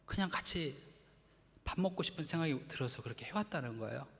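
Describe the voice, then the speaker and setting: Korean pastor preaching in echoing hall. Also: male voice, fairly high pitch, lively intonation, fast talker, vocal fry, fairly bright tone. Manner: conversational preaching with acted-out quotes. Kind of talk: sermon. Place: church sanctuary.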